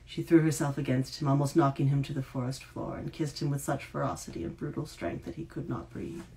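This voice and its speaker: A woman reading her own dark fairy-tale novel aloud, with intense, dramatic narration and hushed passages. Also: very deep voice, flat delivery, a little fast, a little hiss or hum, poor audio. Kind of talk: live fiction reading.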